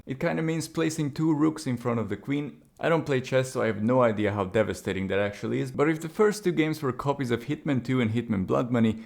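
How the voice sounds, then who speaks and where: Gravelly-voiced male game reviewer. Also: mid-range voice, darkish tone. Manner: opinionated, wry asides. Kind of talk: scripted video review narration.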